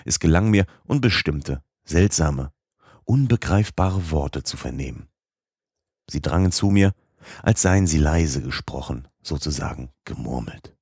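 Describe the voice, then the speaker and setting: A man reading a first-person adventure audiobook in a measured, dramatic way. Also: very deep voice, lively intonation, a little mellow, breathy edge, no room sound, clean studio sound. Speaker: audiobook narrator. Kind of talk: scripted audiobook narration.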